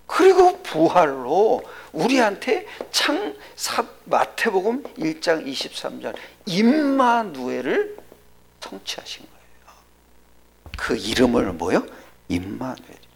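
Gravelly, whispering Korean preacher. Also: mid-range voice, fairly bright tone, a little hiss or hum. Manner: drops to a whisper for emphasis, asks the audience questions. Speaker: pastor. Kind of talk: sermon.

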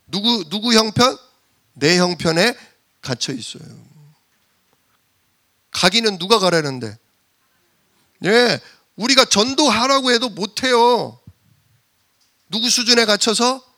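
A man preaching a sermon in a lively way, acting out the voices of the people he quotes. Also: sits high. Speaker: pastor.

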